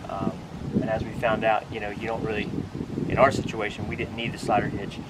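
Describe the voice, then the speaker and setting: Flat in delivery and a little fast, this lowish-voiced RV vlogger casually explains equipment to camera in an instructive way. He's recorded outside beside a pickup truck bed, and there's a lot of noise.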